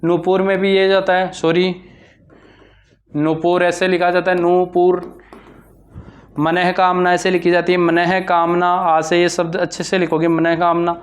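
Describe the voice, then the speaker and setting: A man's voice: high voice, monotone, normal speed. A male teacher giving an exam-prep grammar lesson, with a lilt, drilling answers and asking and answering his own questions.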